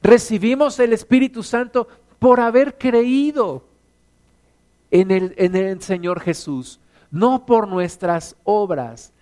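High-voiced Mexican pastor preaching. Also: male voice, slow pace. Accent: Mexican Spanish. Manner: animated preaching, acts out anecdotes in put-on voices. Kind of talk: sermon.

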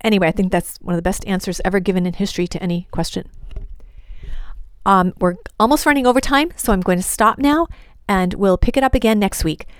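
A woman, a religious sister, giving a lively podcast teaching talk, emphatic and quick to laugh, posing questions and answering them herself. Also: medium pitch, smooth, no room sound, clean studio sound.

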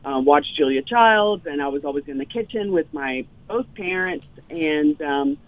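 Over a tinny, dry phone line, a low-voiced woman in her fifties speaks at a normal speed as a guest on a casual interview. She's a chef from Louisiana in the American South who tells animated stories, peppered with lots of ums.

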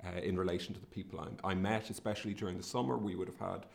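A man's voice: low-pitched, steady tone, quick pace, gravelly. A middle-aged man with a west of Ireland, Sligo accent, talking conversationally and a little hesitantly, as if thinking aloud while telling a story. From Sligo, northwest of Ireland. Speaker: academic researcher and podcast host. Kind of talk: casual conversational career storytelling.

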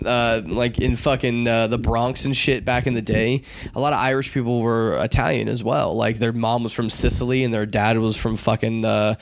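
A man's voice: medium pitch, flat delivery, moderate pace, gravelly, few pauses. A young man co-hosting a podcast in easygoing, profane casual chat. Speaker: podcast co-host.

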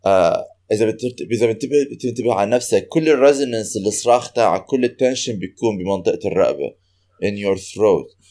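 A man's voice: on the low side, fast. A man with a Levantine Arabic accent explains casually, switching between Arabic and English mid-sentence. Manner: animated explainer, hesitant repeated words. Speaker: guest who takes singing lessons.

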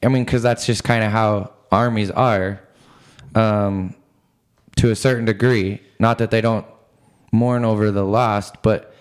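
Relaxed man musing on scripture. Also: fairly low pitch, a little slow, smooth. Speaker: Bible study podcast co-host. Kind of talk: casual Bible discussion.

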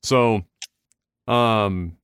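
A man's voice: lowish voice, extremely slow, a bit bright, smooth, no room sound, studio quality. A man hosting a casual gaming podcast, rambling through news with restarts and casual swearing. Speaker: podcast host.

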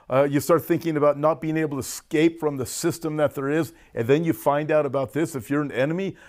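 A man with a fairly high, darkish voice, an American pastor hosting a prophecy update for an online audience. His sermon style is informal and folksy, with direct address and emphatic stresses, and he's getting over a cough with a lozenge in his mouth.

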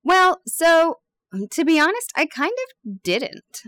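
Her very high, sing-song voice has a fairly bright tone, and she takes it slowly on a dry recording. A bakery owner in her thirties, born in Peru and raised abroad, she's open and candid in a casual interview chat, joking a bit at her own expense.

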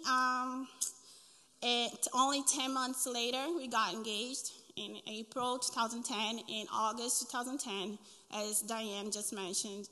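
This thirty-something woman speaks with a Brazilian Portuguese accent, her voice a little high and sharp in tone. She is sharing a heartfelt personal testimony at a church women's breakfast, with frequent ums and false starts, and a long hall reverb trails her words.

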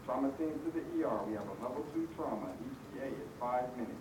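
A man's voice: medium pitch, lively intonation, quick pace, a little mellow, slight background noise. Distant, echoey man paging over hospital PA. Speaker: hospital announcer. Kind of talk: hospital overhead page, repeated announcement. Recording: echoey distant public-address with crowd behind.

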